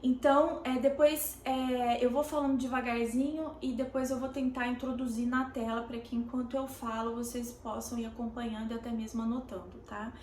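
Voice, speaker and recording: A woman pastor with a Brazilian Portuguese accent preaching a sermon, speaking deliberately with frequent pauses and filler sounds and leaning on key words. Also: fairly high pitch, little pitch movement, darkish tone. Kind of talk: sermon, streamed teaching. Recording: roomy echo with faint background noise.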